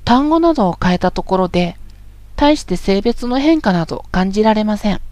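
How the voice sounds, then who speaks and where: A woman giving a calm, polite, instructive voice training lesson as scripted narration. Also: mid-range voice, moderate pace, dry recording.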